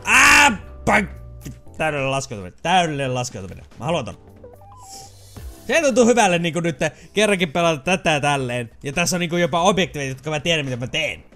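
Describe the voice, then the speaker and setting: A man giving casual, excitable commentary while playing a video game, swearing, yelping and slipping into English phrases. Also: a little high, soft background music. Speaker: let's play gamer.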